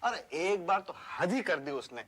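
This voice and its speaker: A timid, henpecked husband with a high voice, whining as he lists his wife's cruelties. There is noise in the TV audio. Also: animated, normal speed. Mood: whiny. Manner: plaintive, complaining storytelling. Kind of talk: TV sitcom acting. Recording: noisy TV soundtrack.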